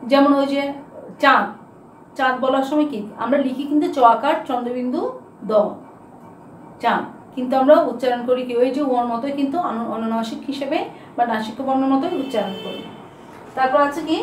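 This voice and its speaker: A woman teacher works through a grammar lesson, putting questions to her class and answering them herself. Her voice is high. She is heard from a distance in an echoing classroom, with a faint hiss behind her. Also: fairly quick, a little mellow. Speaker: school teacher. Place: classroom with a board. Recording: echoey room, mic far off, faint background hiss.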